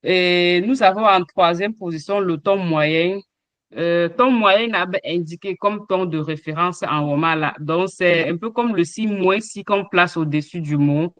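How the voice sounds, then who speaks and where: A man teaching an online language lesson, explaining tones slowly with repeated examples and hesitations over a video call. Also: high voice, fairly bright tone, no echo. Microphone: computer mic on a video call.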